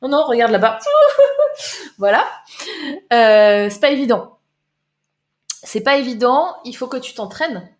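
A woman coach on a live stream, taking viewers' chat questions one by one. Her voice sits a bit high, and she talks loosely, repeats words and pauses on fillers. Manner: chatty, loose, repeats words and fills with euh. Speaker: life coach.

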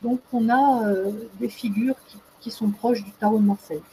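Mellow-voiced woman explaining with many hesitations. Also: on the high side, steady tone, moderate pace, a little hiss or hum, poor audio. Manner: hesitant, many fillers and restarts. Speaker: guest expert. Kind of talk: casual explanatory talk.

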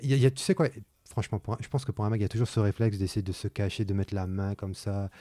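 He is a man with a low, warm voice, recorded dry and close. He talks casually and rambles a little in an easygoing way. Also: little pitch movement, fast talker, no echo. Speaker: interviewee. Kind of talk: casual interview answer.

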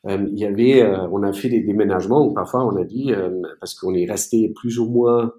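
Hesitant man, deep mellow voice, roomy. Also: fairly quick. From East Germany. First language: German. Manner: hesitant, many fillers and restarts. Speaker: entrepreneur guest. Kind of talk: interview answers.

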